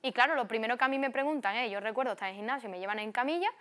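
Woman telling a lively story. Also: a little high, racing. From Spain. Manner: lively storytelling with acted-out quotes. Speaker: guest footballer. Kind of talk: casual chat.

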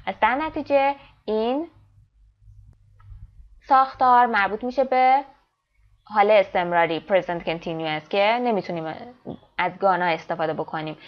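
Woman language teacher with an Afghan Dari accent who alternates quick explanations with slow, careful example sentences, recorded on a dull lo-fi track. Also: mid-range voice. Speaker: English teacher. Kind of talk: classroom language lesson.

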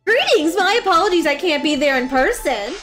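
Woman doing a gleeful sadistic villainess, high voice, lively swoops, game dialogue read aloud. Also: brisk, faint music behind. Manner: grand, mocking, relishing cruelty.

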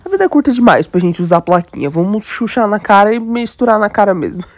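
Talking fast in a sing-song, mid-range voice, a young woman with a Brazilian Portuguese accent chats enthusiastically through her makeup tutorial. She's a beauty vlogger, and a cold has left her sounding nasal and congested.

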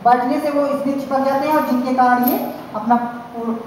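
A woman's voice: high-pitched, steady tone, normal speed, darkish tone. A woman teacher with a Hindi-speaking North Indian accent giving a classroom science lecture, explaining with many repeated fillers and restarts. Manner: repetitive, filler-heavy explaining with frequent restarts. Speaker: college teacher. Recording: very echoey hall, faint hiss.

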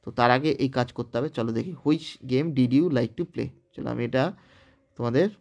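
At a normal pace, a mid-range, slightly mellow voice with vocal fry guides viewers through an English grammar lesson recorded online. The teacher is a man from West Bengal, India, with a Bengali accent. He explains step by step and often asks whether students have understood.

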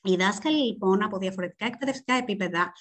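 A woman presents research findings at an online seminar. Her voice is medium in pitch and a bit bright, and she speaks in a measured way with frequent hesitations.

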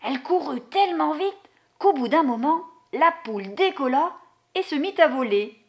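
A woman's voice: sits high, expressive, moderate pace. A woman librarian reading a children's picture book aloud with playful expression. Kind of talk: read-aloud storytelling for children.

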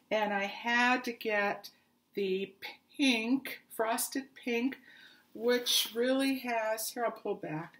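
A woman's voice: fairly high pitch, a bit bright. A woman showing her yarn haul in a casual, chatty way, tired and with her voice fading, stumbling over her words now and then. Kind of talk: casual chat to camera.

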